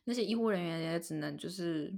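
A woman's voice: on the low side, brisk, gravelly. A young woman co-hosting a podcast, telling a story in casual chat and acting out the lines of the people in it. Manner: animated, acts out quoted dialogue. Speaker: podcast co-host.

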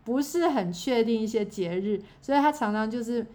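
A middle-aged woman, chatting casually about faith and her songwriting, pausing often with fillers and restarts. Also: a little high, animated, dark tone. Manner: hesitant, many fillers and restarts. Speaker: songwriter and church worker.

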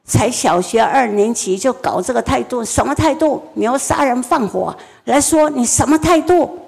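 An older woman voicing a furious mother who scolds her young son in rapid-fire bursts. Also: a little high, lively intonation, gravelly, breathy edge, voice pushed up, heavily acted.

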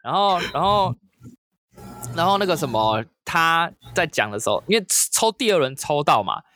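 Animated man storyteller. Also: a little high, normal speed, no echo, clean studio sound, faint music behind. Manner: animated storytelling, acts out quotes in raised voice. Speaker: storyteller recounting hosting a company party. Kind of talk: casual chat.

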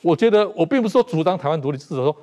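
A man's voice: on the high side, expressive, rapid-fire, mellow. A middle-aged man from Taiwan with a Taiwanese Mandarin accent, a talk show guest making emphatic political commentary and repeating phrases for stress. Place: TV studio.

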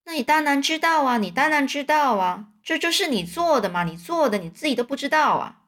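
A woman voicing a scheming old male con man who poses as a king, shrill and protesting as she tells the story. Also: sing-song, a little fast, a bit bright. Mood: cold, accusing.

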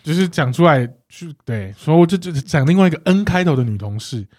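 Lively high-voiced man telling a story. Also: quick pace, a little hiss or hum. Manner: animated storytelling, laughs often. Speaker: podcast co-host. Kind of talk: casual chat.

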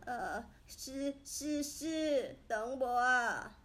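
A woman voicing a frail, apologetic old man who speaks slowly and hesitantly in a storybook reading. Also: high voice, lively intonation, a bit bright, heavily acted.

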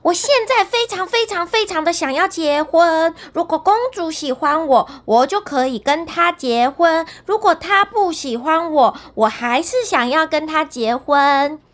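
A carefree young fool from a children's storybook, hollering in a high, bright voice with lively leaps in tone, as a woman storyteller puts him on. He stretches his calls out long and sounds delighted with everything. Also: exaggerated voice. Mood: gleeful, loud. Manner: shouting gleefully, drawn-out calls. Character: foolish cheerful young man, loud and carefree.

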